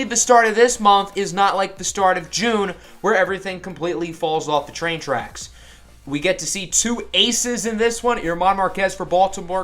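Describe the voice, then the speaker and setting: Upbeat young man doing game play-by-play. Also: sits high. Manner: upbeat, excitable sports-announcer delivery. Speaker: gaming YouTuber. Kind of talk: play-by-play commentary over a video game.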